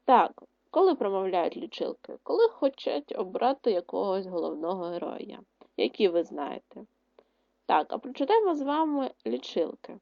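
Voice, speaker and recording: A woman teacher gives an online reading lesson, saying children's rhymes slowly and clearly before repeating them faster. Her pitch rises and falls in a lively, sing-song way. The recording is dry and a little dull, made close to a home microphone. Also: dry recording. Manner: slow, clear recitation of rhymes, repeated at speed. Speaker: primary school teacher.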